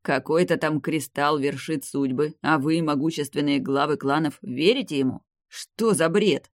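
A man's voice: fairly high pitch, normal speed, no echo, studio quality, lightly acted. A man reading the part of a young vampire heir in an impatient, insistent manner. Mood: tense. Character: young male vampire heir, hot-tempered. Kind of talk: audiobook character reading.

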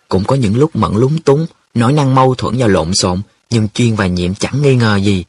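Husky male storyteller. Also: on the low side. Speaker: audiobook narrator. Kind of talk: storytelling narration.

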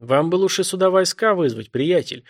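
A man's voice: high-pitched, lively intonation, normal speed, no echo, studio quality, voice pushed up. Man doing a crude, swearing shop worker. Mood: blunt. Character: gruff foul-mouthed shop worker, brash.

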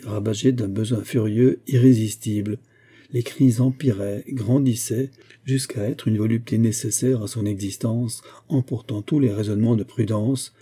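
A man narrating a classic novel as an audiobook, in a measured, expressive reading. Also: on the low side, husky.

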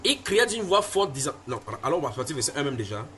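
A man's voice: on the high side, very animated, quick pace, pushed and bright, slight background noise. A man preaching a Bible sermon, emphatic, repeating phrases and putting questions to his listeners. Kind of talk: sermon teaching with Bible reading.

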